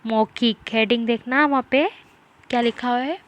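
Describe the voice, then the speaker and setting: A woman teaching a primary school class, reading words slowly syllable by syllable and asking the children questions. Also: fairly high pitch, slight background noise. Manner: slow, syllable-by-syllable reading drills with repeated questions. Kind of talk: online class lesson.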